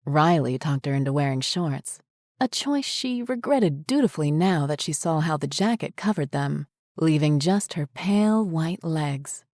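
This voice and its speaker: Low-voiced woman narrating a horror story. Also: animated, darkish tone, no echo, clean studio sound. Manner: measured, descriptive storytelling.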